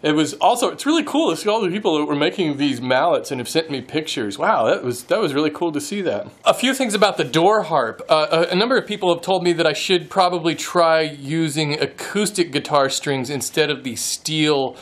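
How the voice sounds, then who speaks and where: A forties-aged man who hosts a woodworking channel talks briskly and expressively with hardly any pauses, his slightly high voice a bit bright. He laughs a lot in this casual vlog chat, filming handheld at arm's length in his home wood shop.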